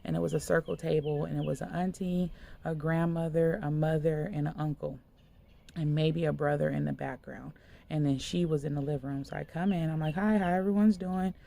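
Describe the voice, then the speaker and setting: A woman's voice: low-pitched, little pitch movement, brisk, vocal fry, dark tone. A woman minister giving a casual spoken sermon, retelling a dream in a loose, conversational way full of fillers.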